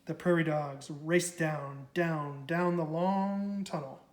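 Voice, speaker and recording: A woman narrating a children's picture book aloud in a slow, expressive manner. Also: low voice. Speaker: storybook reader. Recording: echoey room.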